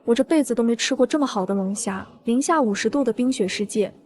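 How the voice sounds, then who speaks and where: Woman narrating her revenge story, cool and smug, slightly high voice. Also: fast talker. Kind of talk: first-person scripted story narration.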